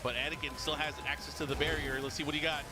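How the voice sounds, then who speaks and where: A man calling a fighting game tournament match live, trading quick overlapping lines with a co-commentator like duelling announcers. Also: on the high side, flat delivery, heavy background noise. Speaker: esports commentator. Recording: loud music behind the voice. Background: loud music.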